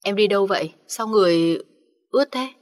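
A woman voicing a gentle, polite young woman in an audiobook story. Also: medium pitch, brisk, close to an everyday voice. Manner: soft, polite.

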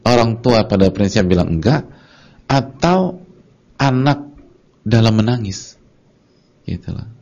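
Low husky guy preaching, acts out little dialogues, pitch jumps around a lot, muffled old recording. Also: unhurried, pauses often. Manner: lively storytelling, acting out short dialogues; colloquial and conversational. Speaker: Islamic preacher. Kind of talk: recorded religious lecture. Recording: dull lo-fi lecture recording.

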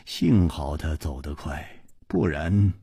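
一位男性说书人，生动地演播武侠小说。. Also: male voice, very deep voice, takes it slowly, gravelly, breathy edge, no echo, studio quality. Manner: expressive, vivid, lively. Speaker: storyteller. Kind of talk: Chinese novel storytelling narration.

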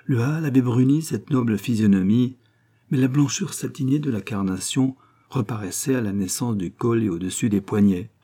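A man reading a classic novel aloud in a measured, literary way. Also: mid-range voice, mellow. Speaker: audiobook narrator. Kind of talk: scripted narration of a classic novel.

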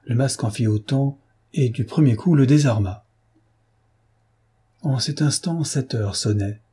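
Husky, dark-voiced male narrator. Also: mid-range voice. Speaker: audiobook narrator. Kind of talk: reading of a classic novel.

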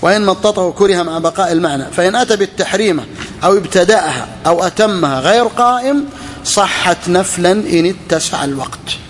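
A man's voice: high-pitched, slight background noise. A man teaching a legal text, with a touch, who repeats key phrases, asks and answers his own questions, and drawls out words to demonstrate. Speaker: sheikh teaching a fiqh text. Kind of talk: explaining a classical text to students.

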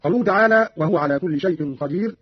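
Husky-voiced male radio teacher, brisk and dry. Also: high-pitched, dry recording. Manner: measured and didactic, alternating explanation with short chanted quotes. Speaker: radio presenter explaining recitation variants. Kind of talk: formal radio lesson with chanted verse examples. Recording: dull lo-fi radio recording.

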